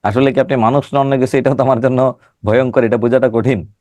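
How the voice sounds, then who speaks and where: Middle-aged man, teacher with a cold, mid pitch, dry close sound, teasing students on a video call. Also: steady tone, fast talker, darkish tone, no room sound. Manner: joking, scolding students by name. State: has a cold. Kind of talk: online class lecture with teasing banter.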